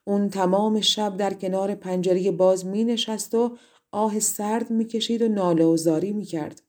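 A woman reading a fairy-tale audiobook in a calm, measured storytelling manner. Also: medium pitch. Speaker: audiobook reader. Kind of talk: storybook narration.

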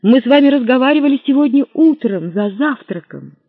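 A man voicing a flustered, hapless young gentleman who talks eagerly and stammers when pressed. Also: high voice, very animated, moderate pace, no room sound, voice pushed up. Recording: dry, tinny narrow-band audio.

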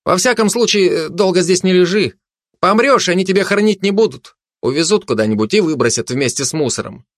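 A man voicing a blunt, sharp-tongued male tourist who talks matter-of-factly in a raised voice. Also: high voice, animated, brisk, no echo, clean studio sound, voice pushed up.

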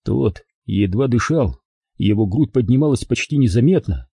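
A man's voice: medium pitch, lively intonation, normal speed, vocal fry, mellow, breathy edge, no room sound, clean studio sound. A man narrating a crime audiobook expressively, giving every character his own voice.

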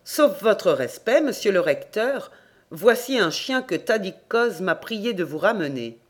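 A fretful young peasant lad from an old storybook, as the audiobook reader puts him on, exclaiming in a lifted, pushed-up voice. His complaints spill out loud and quick to anger, then turn plaintive. The pitch sits in the middle of the range, and the delivery is clearly read aloud. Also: sing-song. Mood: indignant, plaintive. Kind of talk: audiobook character reading.

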